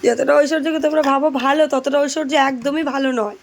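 A hoarse woman in her thirties, a mother vlogging while she scolds her child to wake up and study. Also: high-pitched, steady tone, fast. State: hoarse from daily shouting. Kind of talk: casual family vlog.

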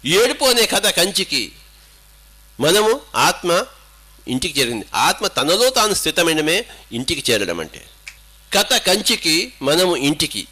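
Older guy w preaching, high bright voice, big rhetorical questions. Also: big pitch swings, normal speed, long pauses, slightly rough. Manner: emphatic, repetitive, rhetorical questions, mixing in English and Hindi. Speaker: spiritual teacher. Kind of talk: spiritual discourse.

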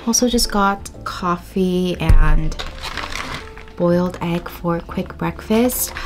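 Tired woman w a sore throat chatting to her camera in a hotel room, kinda low voice, music in the back. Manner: chatty, laughs often. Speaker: vlogger. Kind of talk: casual vlog chat.

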